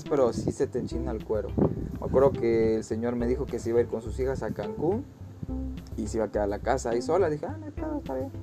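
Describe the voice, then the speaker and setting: A man with a Mexican accent telling a story casually, in an animated way, with a lot of crude slang. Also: mid-range voice. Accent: Mexican Spanish.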